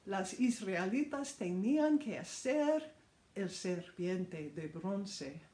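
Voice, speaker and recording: A preacher reading a sermon aloud, slow and deliberate, with occasional stumbles and restarts. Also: mid-range voice, expressive, mellow. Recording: roomy echo.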